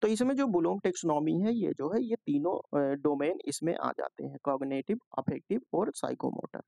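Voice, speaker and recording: A man with a somewhat high, gravelly voice explains exam questions in a lesson, repeating little check-ins as he goes. He reads the passages slowly. The sound is dry and close, with no room around it. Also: animated, mellow, no echo. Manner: explanatory, repeats "ठीक है" and "जो है" often; slows down to read English question text. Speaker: teacher. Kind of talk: exam-prep lesson in Hindi mixed with English.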